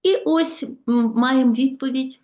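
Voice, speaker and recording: A middle-aged Ukrainian woman teacher giving a video lesson to schoolchildren, speaking to them warmly and listing examples slowly and deliberately. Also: high voice, echoey room, dull audio. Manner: warm, addresses pupils as children, slow deliberate listing.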